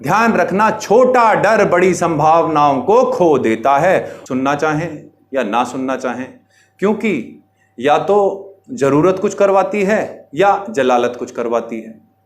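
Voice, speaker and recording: A man's voice: a little high, lively intonation, slow pace. A middle-aged man giving a direct-to-camera monologue, exhorting his audience with rhetorical questions in a preachy, lecturing manner. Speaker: social media commentator.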